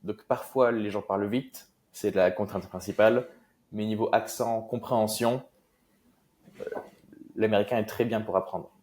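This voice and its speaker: A man's voice: lowish voice, fairly even intonation, normal speed, a little mellow, a little hiss or hum. A young man from Marseille, speaking as an investor guest in a casual interview, loose and hesitant with many fillers. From Marseille, France.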